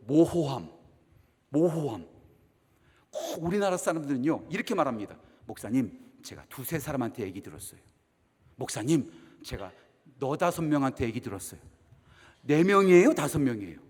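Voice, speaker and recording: A man preaching a sermon as a pastor, animated and full of rhetorical questions. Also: a little high, long reverb tail. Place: church sanctuary.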